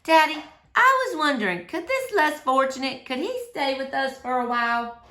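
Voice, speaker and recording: A woman's voice: sits high, very animated, normal speed, pushed and bright, voice pushed up, exaggerated voice. A woman voicing an earnest young storybook girl with an eager, emphatic, pleading manner. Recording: roomy, echoey indoor sound.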